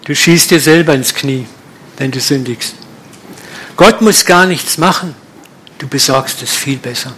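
Ein Mann hält eine direkte, umgangssprachliche Predigt und spricht sein Publikum offen an. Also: male voice, mid-range voice, a little slow, pauses often, fairly bright tone, a little hiss or hum. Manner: direct, colloquial, blunt preaching. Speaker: preacher. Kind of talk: sermon with slides.

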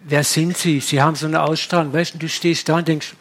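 A man preaching, telling a personal testimony in a lively storytelling manner. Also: a little high, a little fast. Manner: animated storytelling, acting out dialogue.

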